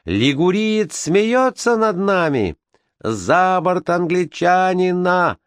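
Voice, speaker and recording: A man doing angry, shouting sailors. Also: high voice, big pitch swings, slow, no echo, clean studio sound, voice pushed up, exaggerated voice. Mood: furious. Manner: shouting, demanding. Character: angry thirsty crowd of sailors.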